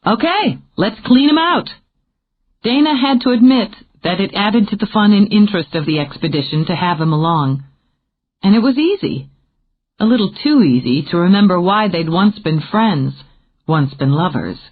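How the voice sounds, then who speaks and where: Expressive woman narrating an audiobook. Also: on the low side, normal speed. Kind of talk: scripted narration. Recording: tinny phone-like audio.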